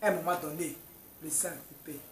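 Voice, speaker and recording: A woman's voice: low-pitched, fairly even intonation, fast. A woman giving a fervent spoken testimony in a church, breaking into sung praise refrains between her words. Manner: fervent, moves between telling and singing refrains. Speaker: testifying worshipper. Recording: roomy echo, voice far from mic.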